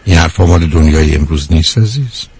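A man's voice: a bass voice, darkish tone, breathy edge. A man hosting a call-in advice show, bluntly lecturing a caller with rhetorical questions and calling her dear. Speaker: radio advice host. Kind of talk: call-in counseling.

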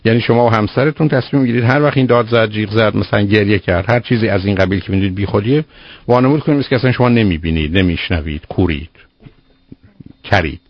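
Firm lecturing man on radio. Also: lowish voice. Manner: firm, lecturing, explains with everyday examples. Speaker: child psychologist answering a caller. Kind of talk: radio call-in advice. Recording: dull lo-fi radio broadcast.

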